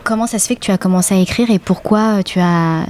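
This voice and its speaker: A woman hosting a casual interview, asking halting questions and murmuring along as her guest answers. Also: medium pitch, darkish tone. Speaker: interviewer, host.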